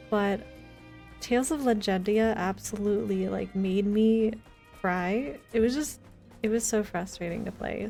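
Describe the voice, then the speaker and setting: Casual stream chat fills this clip: a woman with a mid-range, gravelly, slightly mellow voice plays a video game live indoors, answering viewers as music plays behind her.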